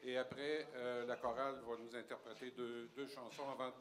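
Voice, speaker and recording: Flat-toned man announcing. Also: mid-range voice, a little fast. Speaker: master of ceremonies. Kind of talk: event announcement. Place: community hall with audience.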